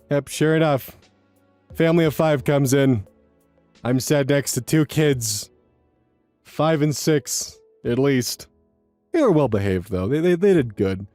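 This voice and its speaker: Reading online posts aloud and commenting on them, a young man speaks in a rambling, casual way, repeating words and swearing now and then. His voice is medium-pitched with a darkish tone and no echo.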